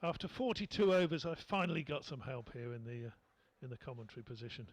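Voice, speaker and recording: A man's voice: mid-range voice, expressive, fast talker, slight background noise. A man doing live cricket commentary, chatty and rambling with lots of fillers, from a commentary position at the ground.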